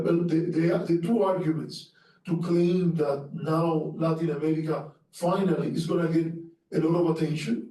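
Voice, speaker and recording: On a panel at an academic seminar, a Cuban man speaks earnestly in a Cuban Spanish accent, halting often with fillers and restarting his phrases. His voice is a little high and mellow. The room echoes and the mic sits far away.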